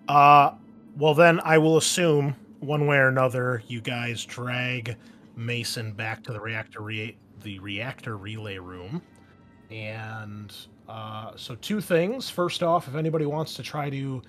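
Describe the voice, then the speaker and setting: A man hosts and game-masters a tabletop roleplaying game, explaining things in a casual, conversational way. His voice is mid-range with a fairly bright tone, picked up by a close microphone with a pop shield. The background is clearly noisy.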